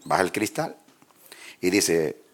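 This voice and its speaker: Deep-voiced preacher, lively storyteller who acts out dialogue. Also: male voice, slow. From Dominican Republic. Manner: lively storyteller, acts out dialogue and laughs at his own stories. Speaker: pastor. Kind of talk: sermon with personal anecdotes.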